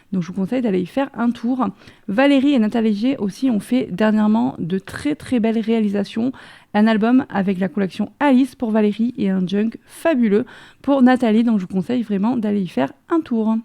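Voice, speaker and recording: A French woman hosting a casual craft haul vlog, chatting warmly with many small fillers and restarts. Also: fairly high pitch, a little fast, vocal fry. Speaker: crafting channel host.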